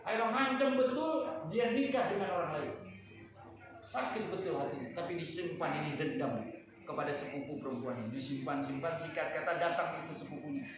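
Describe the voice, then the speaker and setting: A man delivers a lively sermon, his voice slightly high and jumping to sudden loud peaks as he tells stories. He is recorded from a distance in a very echoey room, the sound muffled and dull with steady background noise. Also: a little fast. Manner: animated storytelling with sudden loud peaks, Arabic recitation. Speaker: preacher.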